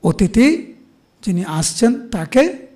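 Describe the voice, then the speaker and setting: A middle-aged man with a Bengali accent giving a devotional scripture class, explaining with everyday examples and slowing down to recite verses. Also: sits high, sing-song, darkish tone. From India. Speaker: preacher.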